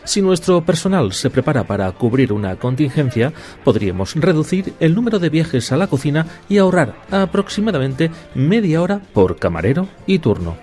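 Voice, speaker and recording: A man's voice: fairly high pitch, sing-song, normal speed, darkish tone, faint music behind. A man playing a courteous, matter-of-fact male waiter in an amateur radio sketch. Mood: polite. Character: overly polite efficient male waiter.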